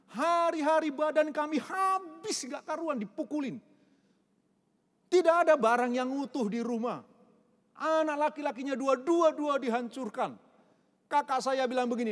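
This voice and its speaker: A middle-aged male pastor preaching a sermon, firing rhetorical questions and building to loud, emphatic peaks. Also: very high-pitched, big-room sound. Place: church hall.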